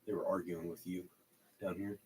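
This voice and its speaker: A man's voice: sits low, level tone, normal speed, warm tone, a little hiss or hum, low-quality recording. A man from Oklahoma, co-hosting a livestream and explaining word origins as if reading from notes. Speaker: paranormal livestream co-host. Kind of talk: casual livestream chat.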